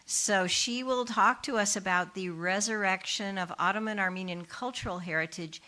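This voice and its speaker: A woman moderator introducing the next speaker at an event in a measured, announcing tone. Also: mid-range voice, pushed and bright.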